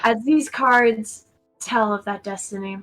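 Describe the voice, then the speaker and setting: A woman voicing a solemn, mystical fortune-teller in a tabletop game, speaking slowly and theatrically of destinies. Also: fairly high pitch, a bit bright, faint music behind. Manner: slow, portentous, theatrical. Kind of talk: tabletop role-play acting.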